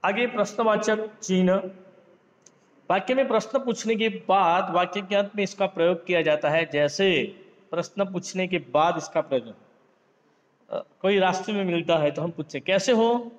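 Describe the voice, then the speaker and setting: A man teaching a grammar lesson, explaining slowly with examples, mixing in English words, addressing the class as friends, and lifting his voice to act out the example sentences. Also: high-pitched. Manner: reads example sentences in a lifted, acted voice. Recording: dull lo-fi sound in a reverberant room.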